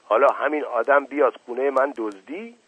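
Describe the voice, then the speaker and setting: A man's voice: medium pitch, slightly rough, dry recording, voice pushed up. A man doing a pompous, irritable old uncle. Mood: angry. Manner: angry, forceful, impatient. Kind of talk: audiobook reading. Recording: tinny lo-fi radio broadcast, dry.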